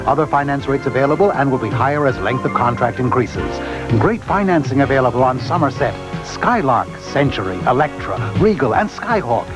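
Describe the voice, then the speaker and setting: A man's voice: medium pitch, expressive, fairly quick, poor audio. A man reading scripted advertising narration as a car commercial announcer. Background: music bed.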